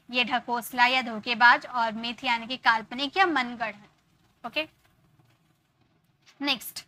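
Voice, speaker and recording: Bright, high-voiced woman teaching English. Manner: explains step by step, repeats example words, checks in with "ok". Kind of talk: online grammar lesson.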